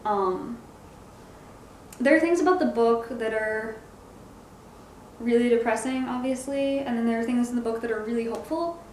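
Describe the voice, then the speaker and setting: On the high side and a little mellow, this woman's voice moves at normal speed but pauses often as she casually reviews comics. She gropes for words and keeps correcting herself, recorded in an echoey room with faint background noise.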